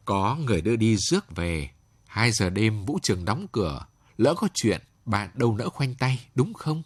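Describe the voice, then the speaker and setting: A man's voice: on the low side, sing-song, moderate pace, slightly rough, dry recording. A man voicing a weary, blunt young woman who works as a nightclub dancer, in a storybook reading. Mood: weary frank.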